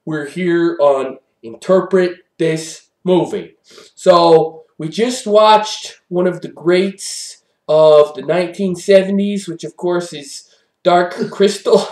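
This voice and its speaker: A man hosting an improvised comedy review show, rambling deadpan with fillers. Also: sits high, takes it slowly, roomy sound.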